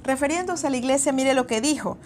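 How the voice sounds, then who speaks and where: High-voiced woman sharing a testimony. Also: quick pace, darkish tone, slight background noise. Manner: earnest, storytelling with frequent restarts. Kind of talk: personal testimony and exhortation.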